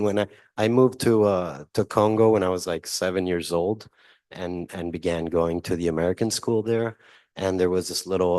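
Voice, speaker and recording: A man's voice: low voice, a little mellow, no room sound. A man from Italy, a guest journalist answering audience questions in a hesitant way, with many fillers and restarts and light laughs.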